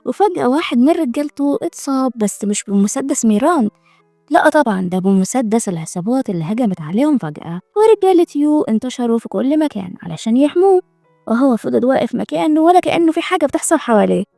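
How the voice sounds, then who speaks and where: Brief: Egyptian woman recapping a drama, rapid and chatty, slightly high voice, dry close sound. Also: sing-song, gravelly, mellow, no echo, faint music behind. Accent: Egyptian Arabic. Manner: chatty, joking asides. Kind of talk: scripted narration.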